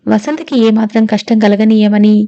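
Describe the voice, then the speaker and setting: A woman's voice: mid-range voice, normal speed, dark tone, highs cut off, natural voice. A woman reading the part of a spirited young woman who protests emphatically in a storybook reading. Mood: indignant.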